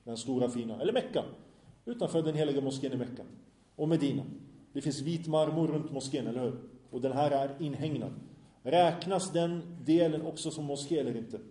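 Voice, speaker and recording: A man's voice: fairly high pitch, warm tone, roomy sound. A man teaching a religious lesson to a class in a small room, asking the students questions and then answering them himself. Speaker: Islamic teacher. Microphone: microphone in a small room.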